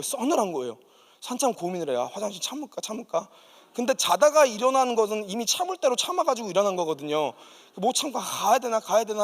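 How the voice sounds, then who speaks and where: Brief: male pastor, high and very animated delivery, vivid storyteller, sanctuary reverb. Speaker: guest pastor. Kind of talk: sermon with personal testimony. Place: church sanctuary.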